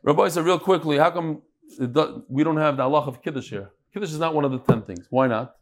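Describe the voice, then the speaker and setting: Man, slightly high voice, informal religious teacher, conversational, mixes with Hebrew-Aramaic terms. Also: fast. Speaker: religious teacher leading a Talmud class. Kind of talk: informal Talmud lesson, reading and explaining.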